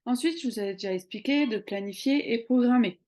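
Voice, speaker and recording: A young woman, a social media marketing coach, gives social media tips in a casual tutorial. Her voice is a little high with a dark tone, and she talks briskly and conversationally, with many hesitant fillers.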